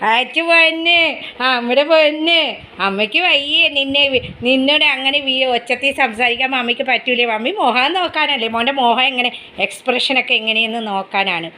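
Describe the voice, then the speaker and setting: A woman filming a home vlog on her phone, talking in sing-song baby talk to her dog and chatting casually to viewers. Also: a little fast. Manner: high sing-song baby talk to the pet, then calm chat to viewers. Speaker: vlogger, dog owner. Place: home, near the kitchen. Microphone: phone camera.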